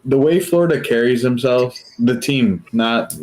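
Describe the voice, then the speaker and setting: A man's voice: medium pitch, a little slow, a little mellow, rough recording. A man co-hosting a sports podcast, often repeating words as he starts his thoughts. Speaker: podcast co-host. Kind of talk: casual sports chat.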